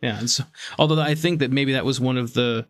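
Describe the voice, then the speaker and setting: A man's voice: medium pitch, brisk, dry recording, studio quality. A man co-hosting a podcast, talking casually and enthusiastically, laughing often. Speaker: podcast co-host. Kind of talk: casual chat.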